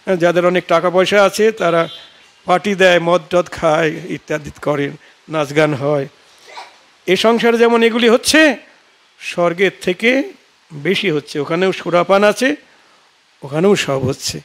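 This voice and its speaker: High-voiced Bengali preacher, slow and chanting. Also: male voice. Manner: slow, drawn-out chanting of verses; tells scripture stories acting out dialogue. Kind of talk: devotional sermon with sung verses.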